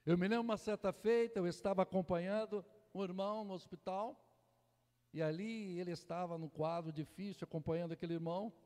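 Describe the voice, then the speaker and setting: A male Brazilian pastor preaching a fervent sermon, full of hallelujahs, moving between loud exclamations and hushed storytelling. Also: sits high, steady tone, a little fast. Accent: Brazilian Portuguese. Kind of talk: Pentecostal sermon. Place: church sanctuary. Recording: long hall reverb in a church.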